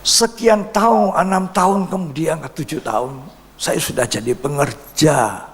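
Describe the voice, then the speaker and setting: Gravelly pastor preaching in a church hall. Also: male voice, fairly high pitch, measured pace. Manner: storytelling testimony with sudden loud rises and soft drops. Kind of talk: sermon.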